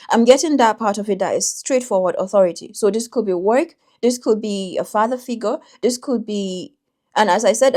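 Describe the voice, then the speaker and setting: Woman giving a mellow tarot reading. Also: fairly high pitch. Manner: thoughtful, intuitive, with frequent restarts and pauses. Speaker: tarot reader.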